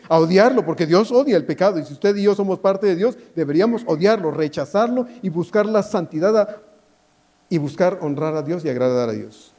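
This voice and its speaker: A man preaching a sermon as pastor, pleading and dropping to a hushed voice at times. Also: fairly high pitch.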